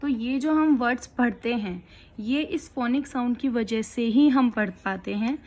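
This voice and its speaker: A woman teaching young children letter sounds, explaining each one slowly and clearly. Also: fairly high pitch, a little mellow. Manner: slow, clear, patient explaining. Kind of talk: kids' phonics lesson.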